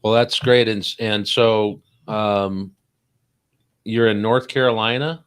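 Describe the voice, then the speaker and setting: A man's voice: lowish voice, fairly even intonation, slow, clear, resonant tone. A man co-hosting a casual interview, chatty and joking, with plenty of fillers and restarts. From Salt Lake City, Utah. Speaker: podcast co-host.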